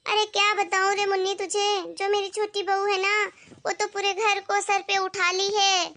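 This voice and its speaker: A woman's voice: very high voice, little pitch movement, moderate pace, sharp tone. A woman voicing a meddling, gossipy older aunt in a cartoon, wailing dramatically.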